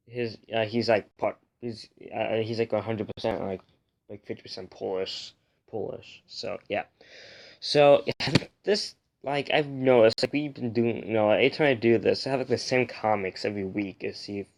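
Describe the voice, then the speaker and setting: Young man who says w for r. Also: mid-range voice. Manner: says w for r, sometimes slips on l. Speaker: host of a comic book review show. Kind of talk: casual rambling review.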